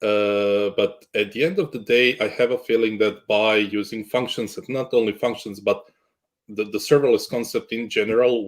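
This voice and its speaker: A man from Croatia, a guest in a casual interview chat, good-humored and jokey, often restarting his sentences. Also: on the low side. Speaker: guest, cloud architect.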